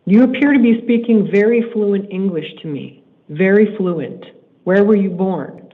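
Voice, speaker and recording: The tinny sound of a court livestream carries a man acting as a judge. His voice is high, his delivery stern and measured, and he repeats himself to drive a point home.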